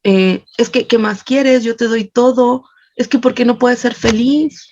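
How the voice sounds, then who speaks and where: A woman's voice: fairly high pitch, a little slow, darkish tone. A Mexican woman with a Mexican accent, quoting a controlling, patronizing husband in a condescending tone. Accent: Mexican Spanish. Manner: coaxing then condescending. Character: controlling, patronizing adult husband who gaslights. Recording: dull lo-fi audio.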